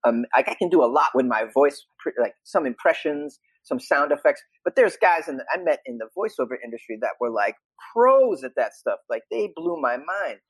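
A man from Boston, a comedian and voiceover actor, chatting as a podcast guest with animated storytelling. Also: fairly high pitch, normal speed, hardly any pauses, breathy edge, no echo, rough recording. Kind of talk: casual podcast conversation.

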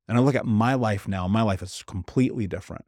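A man's voice: fairly low pitch, fast, darkish tone, dry recording, clean studio sound. A man in casual podcast conversation, talking candidly and with emphasis, dropping slang like dude and bro.

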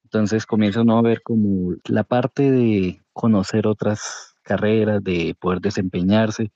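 A Colombian-accented man tells his story in a casual, colloquial way. His voice is very mellow and a bit low, on a slightly dull lo-fi recording. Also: steady tone, unhurried, no room sound. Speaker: podcast guest, career changer into programming. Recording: dull, lo-fi audio.

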